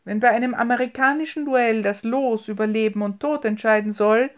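A woman narrating a story in a measured reading voice, hushed at times. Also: fairly high pitch. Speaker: audiobook narrator. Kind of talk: scripted narration.

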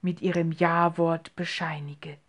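A woman reading a story aloud, voicing a pompous middle-aged male suitor who declaims slowly and solemnly. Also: lowish voice, close to an everyday voice. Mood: declaiming.

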